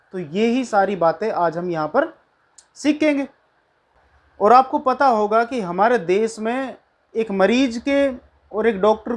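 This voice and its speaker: Chatty male teacher joking with students. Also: high voice. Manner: tells doctor jokes in a chatty storytelling way. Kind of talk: classroom lecture with jokes. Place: classroom with a board.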